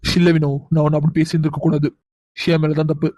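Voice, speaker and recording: A man's voice: on the high side, flat delivery, fast talker, a little mellow, lightly acted. A man voicing a young man in a cartoon who pleads with his partner and apologizes. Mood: apologetic. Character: young man Karthik, remorseful fiancé. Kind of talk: cartoon dubbing.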